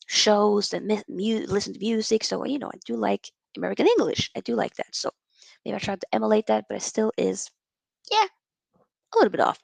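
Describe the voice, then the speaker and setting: A woman's voice: fairly high pitch, vocal fry, no room sound. Chatty woman hosting a football livestream. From Norway. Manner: animated and chatty, reads out viewer comments. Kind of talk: casual live-stream chat with viewers.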